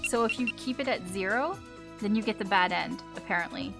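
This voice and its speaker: A woman's voice: mid-range voice, fairly quick, creaky. A woman streaming a game, chatting casually, laughing often, and retelling scenes in silly mock voices. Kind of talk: casual let's-play commentary. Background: game music.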